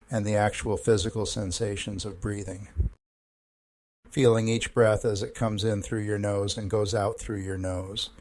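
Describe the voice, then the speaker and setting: A counselor with a lowish voice leads a guided meditation, giving calm, gentle, measured instructions with pauses, with no echo.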